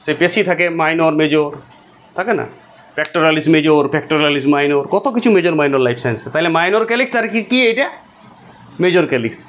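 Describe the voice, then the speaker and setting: A man teaching biology to a class, drilling his students with repeated questions and answers in an insistent way. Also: fairly bright tone. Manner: quick, high-pitched and insistent.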